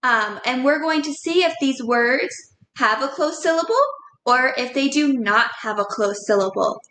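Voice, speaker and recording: A woman's voice: high-pitched, normal speed, fairly bright tone, roomy sound, slight background noise, rough recording. A woman teaching a second grade phonics lesson, encouraging and spelling words out letter by letter. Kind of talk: recorded classroom lesson.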